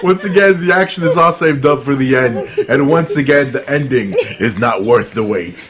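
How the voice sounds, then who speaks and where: A man's voice: medium pitch, normal speed, a crowd in the background, natural voice. A man reading a grumpy online review aloud in a mock French accent, laughing through the exaggerated comic voice. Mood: mock-snooty.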